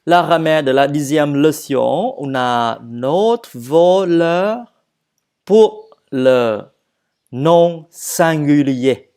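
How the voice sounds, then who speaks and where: A French teacher giving a slow grammar lesson, switching between French and English, repeating phrases and correcting herself or himself. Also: medium pitch, expressive, a little mellow, clean tone. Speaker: language teacher.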